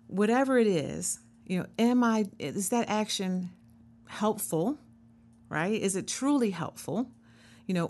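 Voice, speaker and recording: Speaking in a lowish, darkish voice, a woman in her fifties who is a therapist and podcast host reflects aloud on her show. She works through ideas conversationally and earnestly, dropping in frequent asides.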